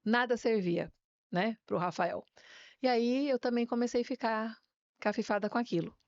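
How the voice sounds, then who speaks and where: A woman pastor telling her personal faith testimony as a guest, a lively storyteller who often ends phrases with a tag question. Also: a little high, normal speed, no echo, highs cut off.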